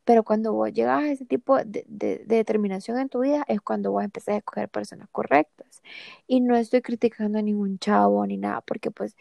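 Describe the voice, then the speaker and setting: A woman's voice: mid-range voice, fairly even intonation, fairly quick, creaky, dark tone, no echo. A young woman hosting a podcast, giving earnest, encouraging advice in a casual chat. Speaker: podcast host.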